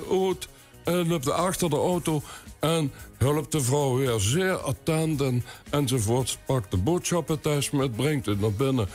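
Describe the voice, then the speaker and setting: A man in his eighties with a broad Limburg Dutch accent, telling anecdotes in dialect in a folksy, unhurried interview style. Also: fairly high pitch, darkish tone. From Limburg, the Netherlands. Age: 80s. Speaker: guest, amateur songwriter.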